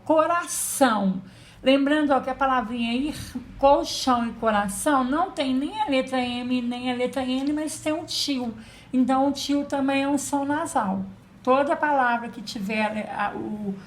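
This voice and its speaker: Lady teacher talking to little kids, slightly high voice, patient, sounds out every letter. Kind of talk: slow children's lesson. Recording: echoey room.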